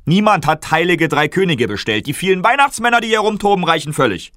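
A man voicing a gruff, bossy male security guard in a storybook reading who scolds loudly. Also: a little high, sing-song, normal speed, no echo, clean studio sound, voice pushed up. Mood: brusque.

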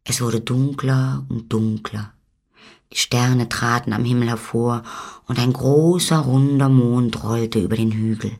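A man narrating a children's storybook with expressive delivery. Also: mid-range voice, measured pace, vocal fry. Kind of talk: storybook reading.

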